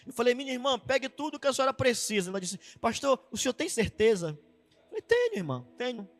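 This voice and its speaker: Male pastor, middle-aged, high voice, storytelling sermon, soft music behind. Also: big pitch swings, fast. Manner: storytelling preacher, acts out dialogue with fervent exclamations. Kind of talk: sermon testimony.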